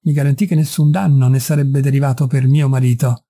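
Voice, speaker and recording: A man's voice: mid-range voice, steady tone, fairly quick, mellow, lightly acted. A man voicing a distraught young noblewoman who pleads and confesses in an audiobook reading. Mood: confessing. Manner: imploring, breathless pleading.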